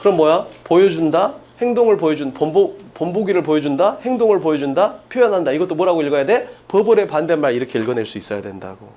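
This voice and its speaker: A man teaching an exam-prep English class, firing quick questions at students and stressing key points. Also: fairly high pitch, lively intonation, mellow. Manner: drills students with rapid questions, emphatic.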